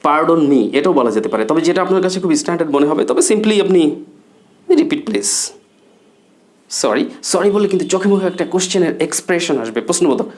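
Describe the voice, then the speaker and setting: A man with a Bangladeshi accent teaching spoken English at a board, repeating phrases slowly, word by word. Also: on the high side, expressive, a little mellow. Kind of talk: spoken English lesson at a whiteboard. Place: classroom with a board.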